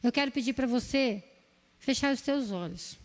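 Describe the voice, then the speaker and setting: This high-voiced woman preaches in a church hall, her São Paulo Brazilian accent clear as she repeats phrases in earnest, expressive pleading. She keeps a moderate pace, and each line lingers in a long echo across the space.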